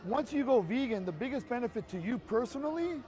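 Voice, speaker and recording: On a city street, a street activist makes an earnest, emphatic case to a passerby. His very high voice is animated and brisk, with a slightly mellow quality.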